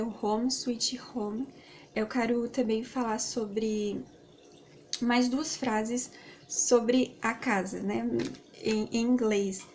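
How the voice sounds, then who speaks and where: A woman's voice: fairly high pitch, a little mellow, slight background noise. A Brazilian woman whose first language is Portuguese, giving a casual English lesson with many fillers and tag questions. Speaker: English teacher.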